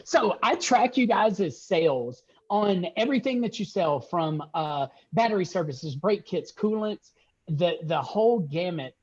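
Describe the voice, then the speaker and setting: Over a video call, a regional sales manager with a high, animated, breathy voice goes through a store's sales figures at an unhurried pace. He praises the team cheerfully, filling pauses with "uh" and restarting sentences. The call audio is dull and lo-fi.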